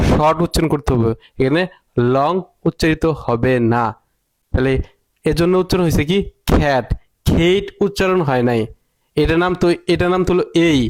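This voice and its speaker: A man teaching an online English reading lesson, repeating rules, quizzing the viewer and scolding critics. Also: a little high.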